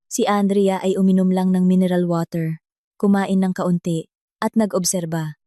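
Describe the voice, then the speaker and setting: A woman narrating a drama story in a slow, even storytelling manner. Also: fairly low pitch, no echo, clean studio sound. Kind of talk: scripted narration.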